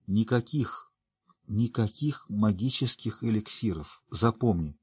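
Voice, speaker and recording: A man's voice: lowish voice, measured pace, husky, no room sound, clean studio sound. A man voicing a weak, feverish sorceress who speaks faintly and moans. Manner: faint, moaning.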